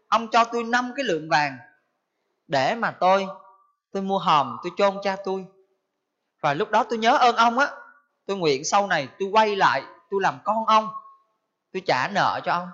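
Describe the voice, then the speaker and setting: A man voicing a grateful dutiful son who calmly recounts his story, on a dull lo-fi recording. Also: high voice.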